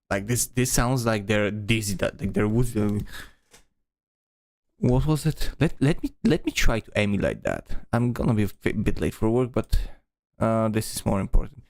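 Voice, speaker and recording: A man's voice: lowish voice, vocal fry. A man streaming, giving rambling casual commentary with many restarts and repeated words.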